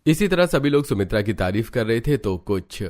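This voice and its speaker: A man narrating a Hindi family cartoon story in a steady storytelling manner. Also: medium pitch, normal speed.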